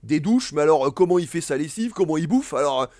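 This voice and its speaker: A man's voice: on the high side, lively intonation, fast, a little mellow, no echo, clean studio sound. A man casually reviewing films and series, rambling with many fillers and restarts. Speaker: film reviewer. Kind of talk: casual film review monologue.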